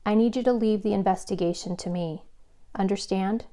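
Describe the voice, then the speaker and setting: An earnest, steady male police chief, as a woman reading the book gives him voice. He talks calmly and kindly, with a measured, serious manner. The pitch sits in an ordinary middle range. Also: lightly acted. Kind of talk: audiobook character reading.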